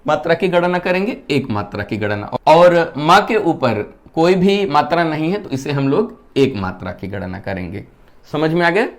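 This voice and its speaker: A male teacher leads a classroom-style lesson, asking the class questions and then answering them himself. His voice sits a bit high and swings up and down a great deal. Every few sentences he stops to check that the students are following. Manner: keeps checking whether students have understood. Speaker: Hindi grammar teacher.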